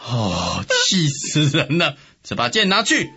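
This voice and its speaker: A hot-tempered male warlord yells orders in exasperation, as a comic storyteller puts him on. The voice rides high and swings wildly, with a husky grain. The recording sounds dull and lo-fi. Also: sing-song, moderate pace, full character voice. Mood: furious. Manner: loud, exasperated yelling orders.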